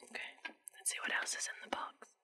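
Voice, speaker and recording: A woman doing playful, chatty ASMR in a breathy whisper, very close to the microphone, right in the listener's ear. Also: brisk, pushed and bright. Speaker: ASMR host. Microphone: close ASMR microphones, two of them.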